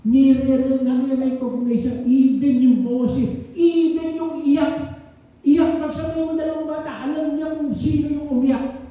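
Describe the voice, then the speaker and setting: A man's voice: very high-pitched, fairly even intonation, measured pace, highs cut off. An older man, a grandfather, preaching a sermon in a conversational way, often checking in with the congregation. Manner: conversational preaching with frequent "No?" asides. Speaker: pastor. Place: church hall. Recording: echoey room from a distance.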